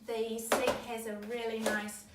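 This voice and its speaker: Her voice sits on the high side with little pitch movement, and she speaks a little slowly: a young New Zealander demonstrating a stroller in a baby store. She's chatty and casual with lots of ums. A camera mic at a distance yields roomy, noisy audio.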